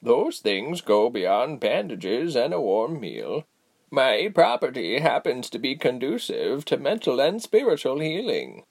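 Male narrator as an old female healer, slow, calm, firm. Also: medium pitch, vocal fry, full character voice. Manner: slow, calm, measured, stern. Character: old, tired, wise female healer with a walking stick. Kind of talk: audiobook character voice.

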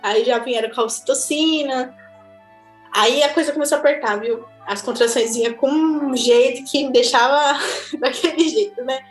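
A woman with a Brazilian Portuguese accent recounts her own experience in a lively, chatty voice that sits high in pitch. She speaks casually and laughs easily. The room rings with echo, and faint music plays underneath. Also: moderate pace. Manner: animated, chatty, laughs often. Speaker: mother telling her birth story. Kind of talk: casual personal storytelling.

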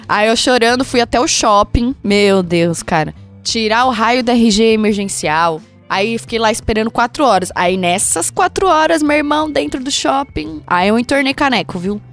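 A woman's voice: fairly high pitch, animated, a little fast, soft background music. A young woman on a podcast, telling a story in a casual, slangy, swearing way and acting out the dialogue.

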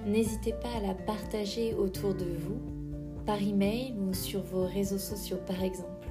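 A woman hosting a podcast, reading poetry aloud with careful, measured phrasing. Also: mid-range voice, fairly even intonation, music in the background. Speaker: podcast host.

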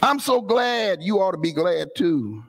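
Gravelly, slow, call-and-response woman preacher. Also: on the low side, sing-song. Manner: calls out to the congregation, bursts into shouts. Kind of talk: preaching a sermon to a congregation.

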